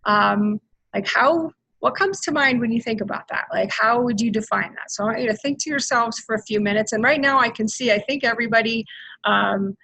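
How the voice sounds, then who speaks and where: A woman's voice: fairly high pitch, brisk, vocal fry, sharp tone, breathy edge, dry recording, poor audio. A woman leading an online workshop for math teachers over a video call, upbeat and chatty, with many fillers. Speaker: math professional learning facilitator.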